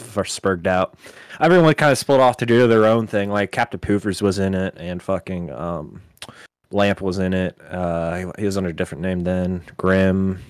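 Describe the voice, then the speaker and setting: Lower-voiced man, halting and slangy. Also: smooth, dry recording, clean studio sound. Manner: halting, slangy, sweary storytelling. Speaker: podcast co-host. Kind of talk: casual chat.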